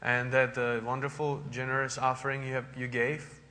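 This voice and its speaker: Man, Czech accent, missionary addressing a church, earnest, filler-heavy, monotone, reverberant church hall. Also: medium pitch, normal speed. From Czech Republic. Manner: earnest, with frequent "uh" fillers and restarts. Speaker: visiting missionary.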